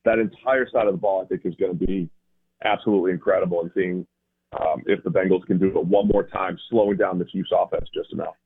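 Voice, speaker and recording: Speaking fast in a steady tone, an American man from around Boston gives conversational football takes as a radio guest, often rephrasing along the way. His low-pitched voice is creaky and slightly rough, heard over a thin phone-style line from a remote call.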